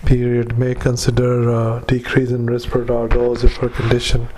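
Man dictating flat clinical notes. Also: medium pitch, a little hiss or hum. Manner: halting, many "uh" fillers, speaks punctuation aloud. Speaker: psychiatric clinician.

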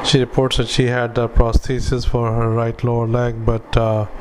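A man working as a clinician dictates a medical note in halting fragments, speaking punctuation aloud. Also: mid-range voice. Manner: halting, flat, monotone delivery in short fragments. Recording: clearly noisy recording with background ambience.

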